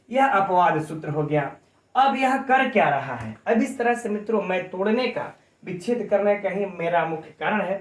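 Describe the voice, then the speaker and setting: A man with a high voice teaching a grammar class for exam preparation. He breaks each rule down step by step, keeps calling his students friends and puts questions to them. The sound is echoey, as in a bare room. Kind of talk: exam coaching lecture.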